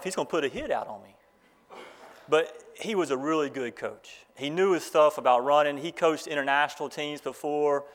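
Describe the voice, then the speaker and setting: A man's voice: medium pitch, a bit bright. Folksy man giving a graduation talk. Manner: folksy storytelling, speeding up and slowing down. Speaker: graduation speaker. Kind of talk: graduation address with Bible reading.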